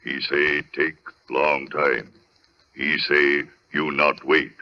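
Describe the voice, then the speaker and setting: Very deep, slow simple-minded henchman. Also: flat delivery, heavily acted. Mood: dull menace. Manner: broken, childlike third-person speech. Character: hulking simple-minded male henchman, obedient. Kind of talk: old radio thriller acting. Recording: muffled old radio broadcast, music behind.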